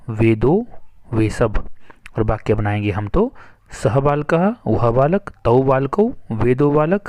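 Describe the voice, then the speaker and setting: A man teaching a school Sanskrit lesson, reading each word and then giving its meaning in a measured, explanatory way. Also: mid-range voice, darkish tone, dry recording. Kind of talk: slow explanatory lesson narration.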